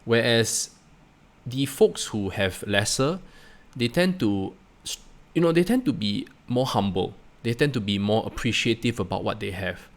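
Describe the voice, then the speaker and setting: A middle-aged man with a Singaporean accent hosts a personal finance channel, speaking in a lowish voice with lots of vocal fry and lively intonation. He reflects casually but haltingly, repeating words and often tagging phrases with "right?" and "you know."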